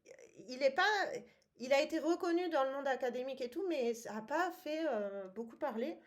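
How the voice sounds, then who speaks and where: On a relaxed book-club podcast, this co-host speaks in a high-pitched voice at a slightly quick clip. She hesitates a lot and breaks into laughter again and again.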